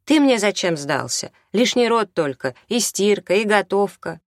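A narrator plays a bossy older woman in this audiobook, her voice pitched high and loud as she scolds without letup. The recording is dry and close, with no room sound. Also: animated, moderate pace, no room sound, natural voice. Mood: indignant.

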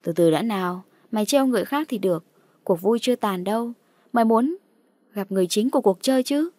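A woman's voice: medium pitch, animated, fast talker, a little mellow, no echo, natural voice. Woman reading a coaxing, taunting phantom on the phone, horror audiobook, dry sound. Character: phantom caller posing as a friend.

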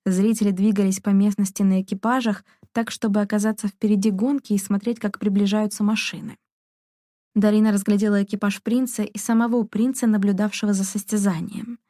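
Reading from a novel, this woman narrates with steady, measured storytelling in a medium-pitched voice. It is scripted audiobook narration, recorded dry with clean studio sound.

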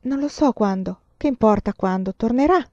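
A woman voicing a calm, hopeful young woman who speaks softly and gently in a storybook reading. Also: fairly high pitch, normal speed, no echo, highs cut off, lightly acted.

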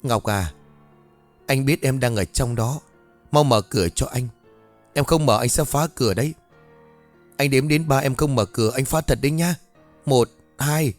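A man's voice: medium pitch, moderate pace, long pauses, faint music behind, natural voice. A man doing a hot-tempered young lover. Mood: pleading.

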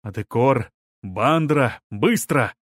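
A man reading the lines of an urgent male companion who shouts commands to get a woman out of a crowd. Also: medium pitch, lively intonation, takes it slowly, no echo, clean studio sound.

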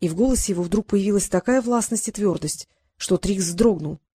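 Woman narrating an audiobook calmly. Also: mid-range voice, brisk, slightly rough. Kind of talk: scripted narration.

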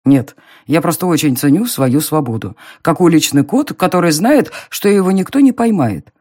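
A narrator playing a smug young nobleman who mocks and teases in an audiobook reading, with a slow, drawling, low delivery. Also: expressive, a little mellow. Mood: mocking.

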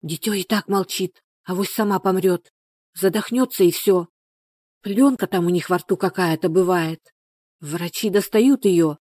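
A woman's voice: fairly low pitch, unhurried, dark tone, dry recording, studio quality. A woman voicing a fussy village neighbor who acts as midwife, scolding and fussing in a folksy way. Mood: shocked pleading.

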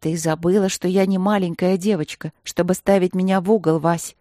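A woman voicing a defiant young woman of twenty-three, snapping back in a hoarse voice. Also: medium pitch, steady tone, moderate pace, mellow, dry recording, clean studio sound, pitched above the performer's own voice, natural voice.

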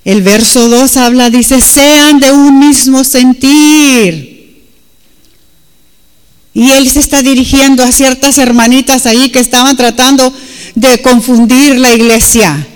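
A woman's voice: sits high, fairly even intonation, normal speed, big-room sound. Emphatic woman preacher. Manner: switches between Spanish and English, emphatic and repetitive. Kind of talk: sermon.

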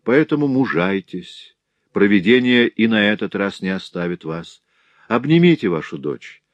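Man doing a gentle reassuring gentleman, slightly raised voice, measured, audiobook. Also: fairly low pitch, sing-song, no room sound, muffled recording. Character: calm, compassionate nobleman comforting others. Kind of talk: audiobook character voice.

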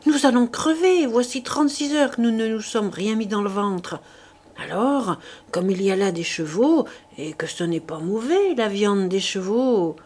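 Woman voicing a coarse starving soldier, louder and higher, audiobook. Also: animated, measured pace. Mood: urgent. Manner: blunt, grumbling. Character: hungry, coarse male soldier.

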